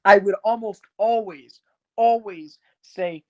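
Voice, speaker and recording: A man's voice: sits high, slow, darkish tone. A man in his early twenties, an arcade business owner, talking casually as a guest with lots of fillers and a frank, rambling manner. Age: early 20s. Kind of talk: casual interview chat.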